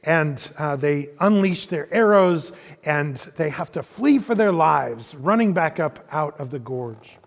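A male pastor preaching a sermon in a church, retelling a story slowly and deliberately with pauses. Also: on the high side, expressive, gravelly, in a large hall. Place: church sanctuary.

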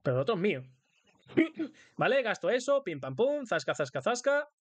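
A man's voice: high voice, sing-song, normal speed, no room sound. A man with a Spain Spanish accent giving playful, singsong, crude live commentary as a streamer while he plays a game.

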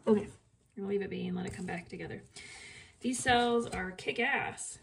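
A woman's voice: medium pitch, brisk, creaky, a little hiss or hum. A woman casually talking through a painting demonstration, chatting and muttering asides to herself as she works. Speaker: art video creator.

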